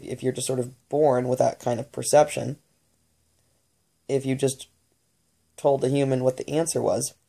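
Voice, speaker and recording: A woman in an unscripted spoken monologue, recounting messages she says she receives, halting often with fillers and restarts. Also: rumbling low, vocal fry, warm tone. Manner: muses aloud, working through ideas as she speaks. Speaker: channeler recounting spirit messages.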